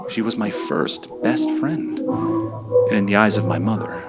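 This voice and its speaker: A man's voice: lowish voice, lively intonation, measured pace, loud music behind the voice. A man narrating his own documentary in a dry, wry, mock-serious voiceover.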